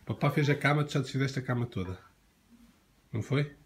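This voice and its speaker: A man's voice: medium pitch, a little fast. A man from Portugal with a European Portuguese accent, filming a casual home vlog on his phone in a bedroom and coaxing his toddler in teasing baby talk. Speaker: family vlogger and father. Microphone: handheld phone camera. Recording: noisy phone recording.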